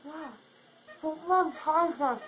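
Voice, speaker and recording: Loopy high-voiced woman on laughing gas. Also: unhurried, a bit bright, soft background music. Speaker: dental patient. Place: small dental treatment room, indoors. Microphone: phone at arm's length. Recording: noisy handheld phone recording.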